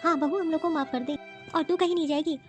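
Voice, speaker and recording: High-voiced cartoon mother-in-law, put on by a woman, flustered. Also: steady tone, fast, soft background music, natural voice. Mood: apologetic. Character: bossy mother-in-law, now chastened. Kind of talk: storybook cartoon dialogue.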